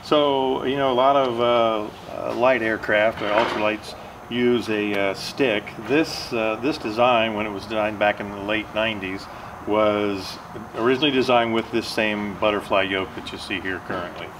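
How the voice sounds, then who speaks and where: Giving a tour of his aircraft kits in a large workshop hangar, an older man who manufactures them explains things with lots of fillers and restarts. His fairly low voice keeps an even intonation at normal speed, recorded far from the mic amid hangar noise.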